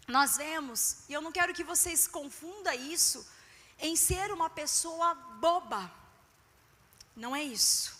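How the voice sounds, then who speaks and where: Woman preacher, animated sermon, piercing high voice, echoey church hall. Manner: animated storytelling, emphatic, addresses the women directly. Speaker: preacher at a women's service.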